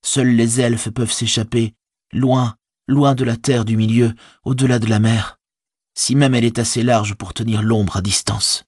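A man's voice: medium pitch, moderate pace, husky, no echo, studio quality, voice pushed up. A man voicing a burdened, haunted young hobbit in an audiobook, speaking intensely in a raised voice. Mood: despairing. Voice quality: intense, despairing. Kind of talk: audiobook character voice.

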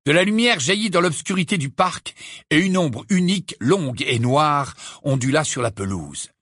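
Male audiobook narrator, dramatic and bright, husky edge, dry close sound. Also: a little high, moderate pace, no echo. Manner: expressive, dramatic reading. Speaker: audiobook reader.

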